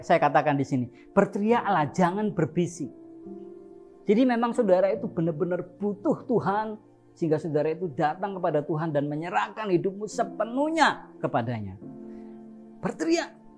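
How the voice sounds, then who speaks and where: A man preaching a lively, joking sermon, playfully acting out shouted prayers. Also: high voice. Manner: animated, jokes and laughs, acts out shouted prayers.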